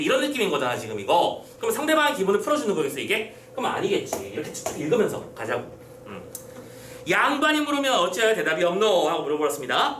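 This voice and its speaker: A man's voice: sits high, bright, forceful tone, a little hiss or hum. A man teaching a Korean literature exam-prep lecture, explaining step by step and often checking understanding with short questions. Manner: acts out quoted lines in a gruff voice. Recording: roomy echo, slightly distant mic, faint ambience.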